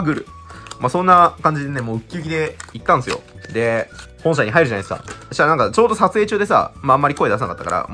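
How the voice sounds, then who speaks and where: Excitable young man, wildly swinging pitch. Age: 20s. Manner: excitable, chatty, laughs often. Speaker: YouTuber opening card packs. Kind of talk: casual chat while unboxing.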